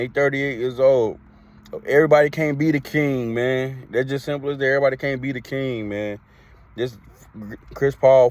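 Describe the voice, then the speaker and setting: A podcast host from Greensboro, North Carolina, offers blunt, slangy basketball opinions in casual sports talk, often repeating himself for emphasis. His voice sits at medium pitch with a darkish tone.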